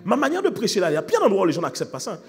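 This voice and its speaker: A man preaching a sermon as pastor, fervent, shifting from shouted calls to fast, quiet explaining. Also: sits high, wildly swooping pitch, in a large hall, soft background music. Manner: fervent preaching, swings between shouting and rapid quiet talk.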